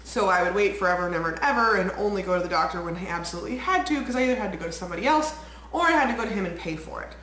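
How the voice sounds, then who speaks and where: A young woman records a casual, chatty vlog, bubbly and rambling with lots of "like," her voice a bit congested and nasal from a cold. She speaks very fast with an expressive, mid-range, fairly bright voice, in an echoey room with faint ambient noise.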